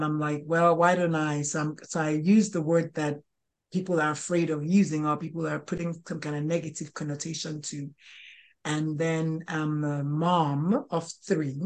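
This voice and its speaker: A woman's voice: low voice, a little mellow. A woman in her sixties, a pediatrician and life coach, talking as an interview guest with many restarts and fillers. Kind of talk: interview conversation.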